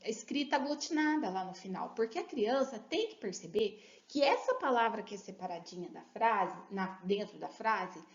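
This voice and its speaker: A woman, a literacy educator giving an animated lesson. She asks the listener questions and slows down to sound words out syllable by syllable. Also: medium pitch. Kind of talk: instructional talk to teachers and parents. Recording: roomy, slightly muffled recording.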